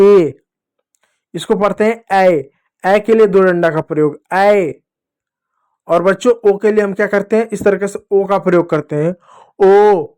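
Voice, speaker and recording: A man teaching children to read Hindi, asking the class questions and slowly drilling each letter sound. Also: high voice, darkish tone. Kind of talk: children's Hindi reading lesson.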